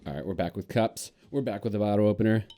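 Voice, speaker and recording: A man co-hosting a casual podcast, playful and quick to laugh while tasting beer. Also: lowish voice, mellow. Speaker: podcast co-host.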